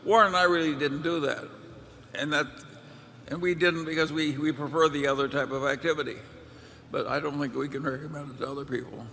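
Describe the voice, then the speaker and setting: Blunt, gravelly older man in a hall. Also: on the high side, fairly even intonation, brisk, sharp tone. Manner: blunt, dry wit. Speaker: vice chairman on stage panel. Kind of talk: unscripted Q&A answers. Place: large hall stage, seated at table. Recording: large reverberant hall, faint ambience.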